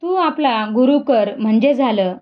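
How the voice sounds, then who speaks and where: A woman voicing a gentle male deity who speaks kindly and teases. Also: sits high, lively intonation, measured pace, dull audio. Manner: kindly, teasing.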